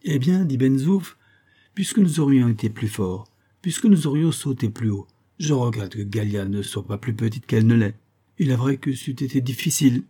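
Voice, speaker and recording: A man's voice: medium pitch, animated, moderate pace, dark tone, husky. A man voicing a brash, stubborn soldier orderly who talks cheeky and blunt.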